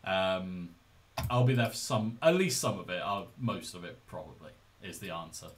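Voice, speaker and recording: A man's voice: low voice, moderate pace, a little hiss or hum. A man hosting a podcast in casual, informal, rambling style, speaking into a laptop's built-in microphone. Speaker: podcast host.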